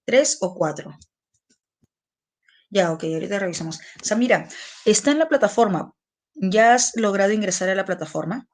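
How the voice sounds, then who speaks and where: A woman's voice: medium pitch, animated, normal speed, long pauses, darkish tone. A woman teacher speaks in an online class. She goes over the point patiently, repeats key phrases and checks that her students follow.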